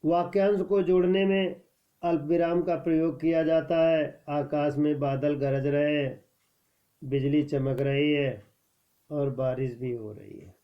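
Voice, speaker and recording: A man teaching a scripted grammar lesson at a measured pace, announcing each heading more loudly and reading the examples more softly. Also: on the high side, fairly even intonation. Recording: dull lo-fi recording.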